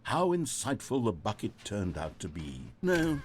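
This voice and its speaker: A man's voice: lowish voice, huge pitch swings, measured pace, a little hiss or hum. An actor playing a wry, omniscient video game narrator, a man with a grandiose, articulate, dramatic delivery. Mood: wryly amused. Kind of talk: scripted storybook-like game narration.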